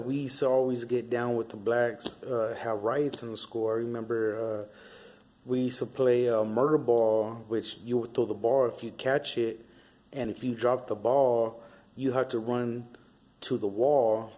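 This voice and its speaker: A young vlogger from Southern California rambles through a casual storytelling monologue, swearing freely in street talk packed with fillers. His mid-range voice holds a steady tone, a little slow and dark.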